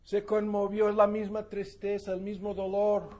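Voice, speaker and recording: A man preaching a sermon, explaining a Bible passage slowly and with emphasis, repeating key phrases for his listeners. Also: high voice, monotone, darkish tone.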